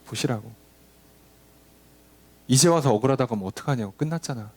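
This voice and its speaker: A male pastor delivering a sermon, urging and questioning the congregation, now and then dropping to a low aside or acting out a quoted line. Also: fairly quick. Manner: animated preaching, drops to a low murmur for emphasis, acts out quoted lines.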